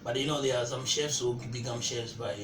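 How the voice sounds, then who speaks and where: A man from Zimbabwe, a chef, speaking in a relaxed, chatty way in a casual interview. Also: medium pitch, fairly quick. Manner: relaxed, chatty, addresses host as bro. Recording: echoey, distant, noisy.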